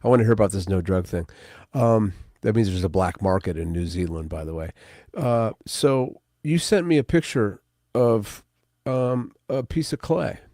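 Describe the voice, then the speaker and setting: A man's voice: lowish voice, moderate pace, mellow, dry recording, clean studio sound. An American man in his sixties co-hosting a podcast, chatting casually with rambling teasing asides. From United States. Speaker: podcast co-host. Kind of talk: casual chat.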